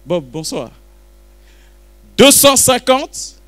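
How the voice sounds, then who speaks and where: A man's voice: extremely high pitch, very animated, extremely slow, a bit bright. A man running a live auction at a book launch, calling and repeating bids while teasing the crowd. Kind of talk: joking live auction patter.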